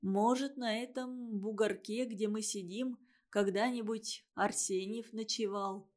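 A woman reading a story and voicing a stubborn, dreamy schoolboy in a thoughtful, quiet way. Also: medium pitch, fairly even intonation, unhurried, lightly acted.

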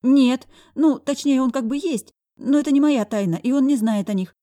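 A woman's voice: moderate pace, warm tone, lightly acted. A woman putting on a panicked, pleading woman. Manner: pleading, high and agitated. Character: panicked, tearful middle-aged woman.

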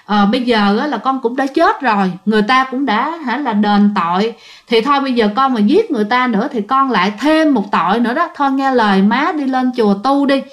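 Gently pleading, grieving mother in a spoken ghost story, voiced by a woman; high voice. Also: fairly quick, lightly acted. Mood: coaxing. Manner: gentle coaxing.

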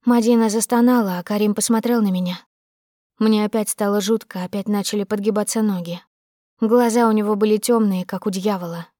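Woman reading a dramatic audiobook, tense first person narration, mid pitch, dry close mic. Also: steady tone, a little fast, mellow, no room sound.

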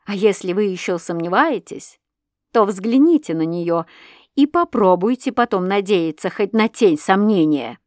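A woman reading an audiobook, voicing a jealous, stern husband who shouts sharp accusations. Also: medium pitch, lively intonation, unhurried, no room sound, clean studio sound, lightly acted. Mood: accusing. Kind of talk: audiobook reading of a classic novel.

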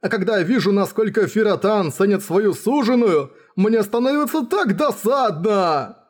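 Man voicing a fervent lovestruck young hero, raised pitch, emphatic. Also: animated, normal speed. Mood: gushing. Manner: gushing, shouting. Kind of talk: audiobook character voice.

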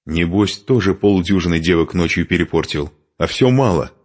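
A man voicing a mocking, quarrelsome young Norse warrior woman in an audiobook, with a husky, sharp-tongued voice. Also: sits low, animated, moderate pace. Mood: scornful.

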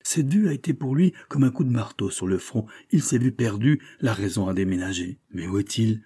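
A man's voice: on the low side, fairly quick, warm tone, husky. A man voicing a grumbling, unlucky police agent who complains about losing his arrest. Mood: aggrieved. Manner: aggrieved, grumbling.

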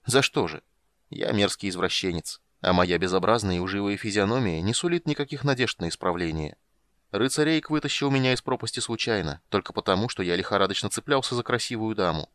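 A man's voice: lowish voice, fairly quick, a bit bright, no echo, close to an everyday voice. A man reading a grim, sardonic witcher. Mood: bitter mockery. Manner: bitter, mocking, formal.

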